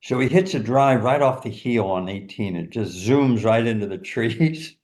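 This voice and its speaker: An older man, a golf teacher and former caddie, telling animated stories in an interview and chuckling along. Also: mid-range voice, normal speed. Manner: animated, laughs through stories, many "you know"s. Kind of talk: anecdotal storytelling in an interview.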